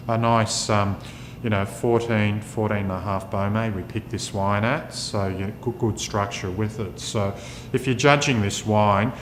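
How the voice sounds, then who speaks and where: A man presenting his wine as its maker, giving unscripted sommelier-style tasting notes with halting pauses. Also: fairly even intonation. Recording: echoey room, clear rumbling background noise.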